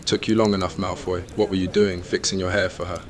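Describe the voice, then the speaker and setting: Man as Blaise, low flat-toned teasing schoolboy. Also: fast talker, crowd noise, lightly acted. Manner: teasing, dry. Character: teasing, impatient teenage wizard boy, sardonic friend. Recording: clear background noise.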